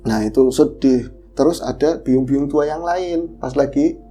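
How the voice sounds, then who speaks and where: A man telling a horror story in a casual, animated chat. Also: mid-range voice, measured pace, faint music behind. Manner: animated, acts out the voices of characters. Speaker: podcast storyteller.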